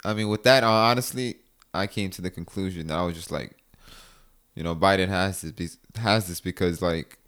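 Low-voiced young man in casual chat. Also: moderate pace, fairly bright tone, clear, resonant tone. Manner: casual slang, frequent fillers and restarts. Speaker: friend chatting.

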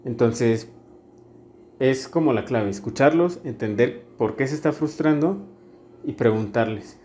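A man talks through a casual podcast monologue. His voice is warm and mellow, at an ordinary middle pitch. He speaks calmly and reflectively, pausing and restarting as he thinks. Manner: calm, reflective, with pauses and restarts. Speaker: podcast host, father.

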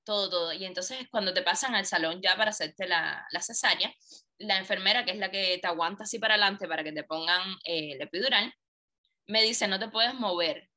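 A woman's voice: mid-range voice, fairly quick. A woman guest, telling a personal story in conversation and acting out the dialogue. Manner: animated, acts out quoted dialogue. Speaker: interview guest.

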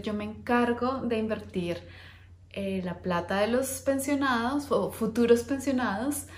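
Here a woman in her thirties from Colombia hosts her podcast in a roomy-sounding space. Her medium-pitched voice carries casual personal talk, broken up by frequent hesitations and light laughter.

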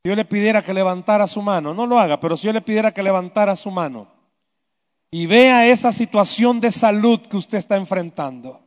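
A man preaching a sermon, swinging between loud emphatic lines and hushed low ones. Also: brisk. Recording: echoey hall, dull lo-fi sound.

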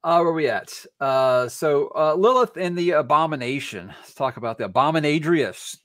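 A man's voice: on the high side, normal speed, dry recording, clean studio sound. A man hosting a podcast, chatting casually and jokingly with many restarts. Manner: animated, jokey, many restarts. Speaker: podcast host. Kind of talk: casual chat.

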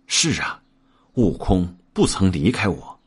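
A man's voice: low voice, big pitch swings, takes it slowly, breathy edge, heavily acted. A man voicing a mild, trusting old master monk in a told story. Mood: concerned.

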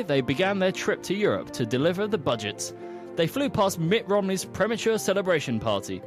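A man telling a comic story with playful, teasing asides. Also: a little high.

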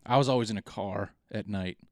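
Low-voiced joking podcast co-host man. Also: brisk, no room sound, studio quality. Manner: joking, animated storyteller. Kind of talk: casual chat.

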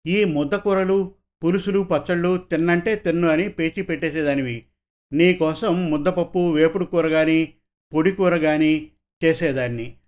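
A man's voice: fairly high pitch, normal speed, a little mellow, lightly acted. A man voicing a caring, talkative elderly mother fussing over her married daughter.

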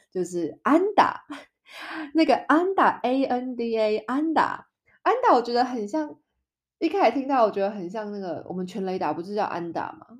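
A woman's voice: lowish voice, a little mellow. A young woman from Taiwan hosting a podcast in a casual chat, explaining Spanish words through playful example dialogues. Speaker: podcast host teaching Spanish.

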